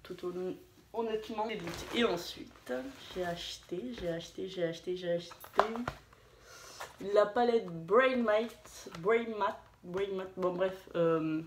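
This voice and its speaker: A woman's voice: on the low side, steady tone, unhurried, noisy background. A woman chatting casually in a beauty vlog, hesitant, with many fillers and restarts, poking fun at herself. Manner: chatty, self-deprecating. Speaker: beauty vlogger. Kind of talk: casual haul and swatch video. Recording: echoey room.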